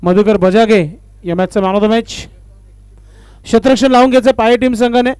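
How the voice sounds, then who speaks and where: A man doing live commentary and formal stage announcements at a local cricket tournament, with honorific phrases and filler pauses. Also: sits high, little pitch movement, darkish tone, smooth, no room sound.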